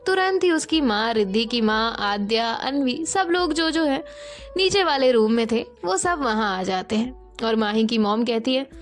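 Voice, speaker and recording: Woman narrating an audio love story. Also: a little high. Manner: plain, steady narration with filler phrases.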